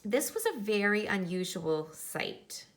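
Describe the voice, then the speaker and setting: A woman teacher reads a nonfiction children's book aloud in a mid-range, very animated voice at a slow pace. Her delivery is instructive, explaining things in simple terms.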